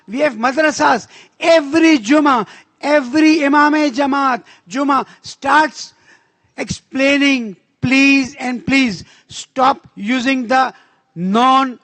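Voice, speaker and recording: This conference speaker, a man whose first language is Urdu and who has a Pakistani accent, speaks emphatically and slows to stress his key points. His voice is very high and a bit bright, captured in a dry recording.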